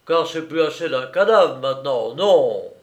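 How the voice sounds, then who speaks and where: A man voicing a flustered, jealous middle-aged husband who shouts and sputters with rage. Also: fairly high pitch, measured pace, lightly acted. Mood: furious.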